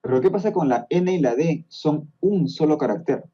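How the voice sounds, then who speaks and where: A man's voice: fairly high pitch, lively intonation, moderate pace, lo-fi sound. A man with a Peruvian Spanish accent, a guest explaining a topic step by step on a podcast, often checking that his listener follows. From Peru. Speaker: guest expert on Tolkien's languages.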